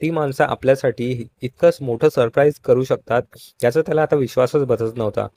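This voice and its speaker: A man narrates a TV serial recap in voice-over. His voice sits at an ordinary middle pitch, and he keeps a steady storytelling pace, talking to his viewers as friends. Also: a little fast. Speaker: show recap host.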